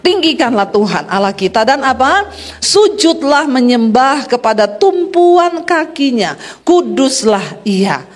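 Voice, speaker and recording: A woman's voice: high-pitched, very animated, measured pace. A woman pastor giving a sermon, preaching emphatically, posing rhetorical questions to the congregation and calling out amen.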